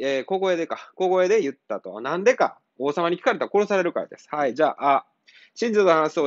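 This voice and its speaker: A man's voice: on the high side, dry recording. A man, a cram school teacher going through answers to a literature exercise in a casual, blunt way with teasing asides. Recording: dull lo-fi sound.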